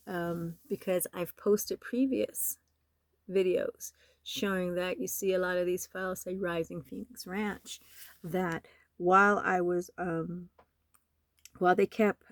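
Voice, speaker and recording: A hoarse woman with a slight cold, talking in a rambling, aggrieved and urgent way in a home vlog. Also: lowish voice, dry recording. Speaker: nonprofit website owner. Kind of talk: screen-recorded vlog. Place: home in the desert.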